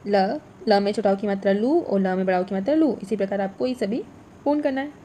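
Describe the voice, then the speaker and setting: A woman teaching a workbook lesson to young children, slow and clear, repeating each letter and word. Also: medium pitch, warm tone, a little hiss or hum.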